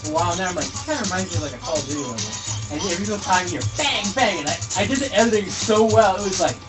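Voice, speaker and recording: A man hosting a casual radio show, telling stories in an animated, profane way. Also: high-pitched, rapid-fire. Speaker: host. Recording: distant mic with loud music.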